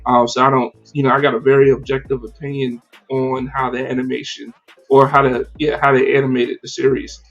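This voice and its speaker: A man hosting a casual livestreamed podcast, talking in an animated, slangy and profane way with many fillers. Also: medium pitch, brisk, highs cut off. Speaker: podcast host.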